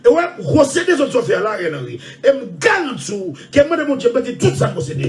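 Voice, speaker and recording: A Haitian man hosting his own show, delivering a loud, repetitive rant with frequent shouting and laughter. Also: very high voice, wildly swooping pitch, fast talker, far from the mic, background noise. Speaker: show host. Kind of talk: ranting monologue.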